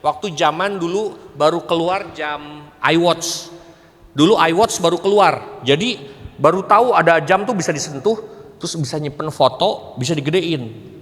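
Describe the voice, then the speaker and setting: A middle-aged man with a fairly high voice speaks to a church audience, animated and quick to laugh as he acts out little scenes. His voice rings through a large hall with a long reverb tail. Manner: animated, acts out parents and students, laughs often. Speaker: parenting seminar speaker, school educator. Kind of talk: lively seminar talk.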